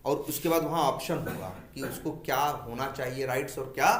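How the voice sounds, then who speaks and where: Speaking in a brisk, mid-range voice with a crowd audible behind him, this male software testing instructor teaches a classroom lecture in an echoey room. He poses questions to students and then answers them himself, repeating the key terms. His Hindi is mixed with English technical vocabulary.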